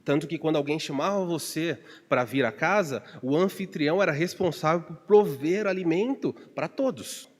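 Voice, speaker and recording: A man preaching as a pastor leads a Bible study in a church with a slightly high voice. He tells stories with humor and wanders into digressions, and he acts out shouted calls with big pitch jumps. His voice rings with the long reverb of the hall. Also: moderate pace, few pauses.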